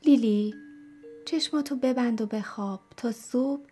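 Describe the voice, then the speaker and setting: A woman's voice: a little high, dark tone, faint music behind, close to an everyday voice. A woman voicing a patient but worn-out mother in a children's story, giving firm, coaxing instructions.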